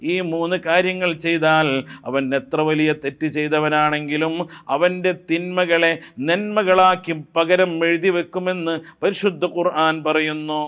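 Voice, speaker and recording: A male preacher, giving a Ramadan sermon that moves between slow chanted Quranic Arabic verses and storytelling with acted quotes. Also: a little high, fairly even intonation, fairly bright tone, clear, resonant tone. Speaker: Islamic preacher.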